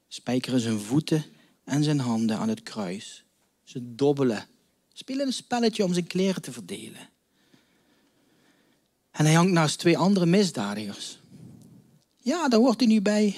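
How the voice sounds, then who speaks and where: A man preaching a sermon to a congregation, dramatic, swinging between loud outbursts and hushed near-whispers. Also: on the high side. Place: church before a congregation.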